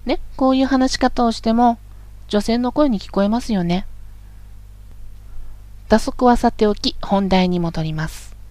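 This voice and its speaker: A woman giving a calm, polite, instructive voice training lesson as scripted narration. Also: on the high side, measured pace, pauses often, no echo.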